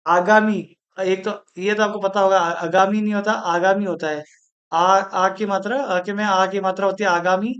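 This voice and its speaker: A man teaching a Hindi spelling lesson for exam preparation, slowly repeating each word and explaining its correct form. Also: sits high, fairly bright tone. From India.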